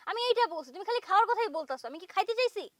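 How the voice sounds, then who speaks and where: A woman's voice: very high-pitched, expressive, racing, fairly bright tone, dry recording. An actress playing a stubborn wife who argues back at her husband, in a comedic TV drama. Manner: stubborn, quarrelsome.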